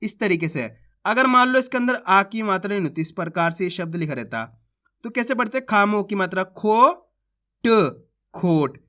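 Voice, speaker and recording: Bright-voiced man teaching reading aloud. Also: high-pitched, animated. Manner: patient, drawn-out syllable-by-syllable reading with frequent check-ins. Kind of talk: online literacy lesson.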